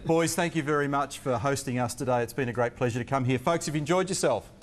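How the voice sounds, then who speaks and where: A man's voice: mid-range voice, quick pace, a little hiss or hum. An Australian man hosting a televised motorsport interview, upbeat and joking as he presents. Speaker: TV motorsport host. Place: racing team workshop.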